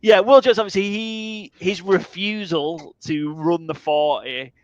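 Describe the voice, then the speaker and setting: A man's voice: high voice, steady tone, unhurried, muffled recording, a little hiss or hum. A man co-hosting a casual football podcast, joking and swearing as he reads out segment headlines. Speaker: podcast co-host. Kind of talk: casual sports podcast chat.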